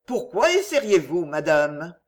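A man voicing a fervent, loyal young English gentleman in an audiobook, earnest and passionate. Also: on the high side, big pitch swings, a little slow.

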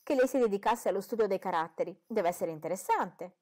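A woman reading an audiobook, voicing an easygoing young gentleman who speaks in a friendly, eager way. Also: mid-range voice, animated, brisk, lightly acted. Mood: amiable.

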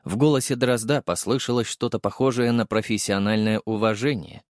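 Brief: male narrator, lowish voice, steady first-person audiobook read, dry booth sound. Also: fairly quick, no echo.

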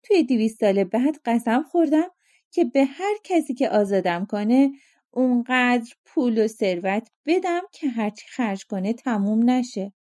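A woman's voice: on the high side, animated, warm tone, lightly acted. A woman voicing a vengeful, ancient male genie in a storybook reading, speaking in a bitter, menacing way.

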